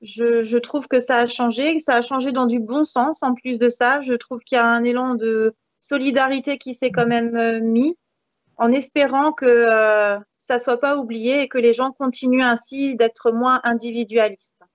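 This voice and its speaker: Over dull, lo-fi video call audio from a device mic, a hair salon manager in her thirties gives cheerful, conversational interview answers. Her high-leaning voice keeps fairly even intonation at a moderate pace, the recording is dry, and she sits indoors beneath a beamed ceiling.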